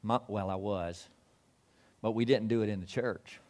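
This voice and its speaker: A man in his sixties preaching a sermon, telling Bible stories, acting out the voices and rising loud at the high points. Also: moderate pace. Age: 60s. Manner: storytelling preacher who acts out voices and swells loud at climaxes. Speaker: pastor.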